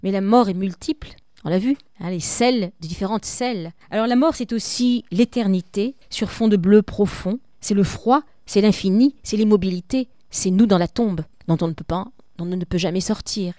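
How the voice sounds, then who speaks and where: A woman's voice: medium pitch, normal speed, mellow, no room sound, studio quality. A woman teaching a poetry analysis lesson, talking in a reflective way, restarting phrases and often adding a tag question. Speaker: literature teacher.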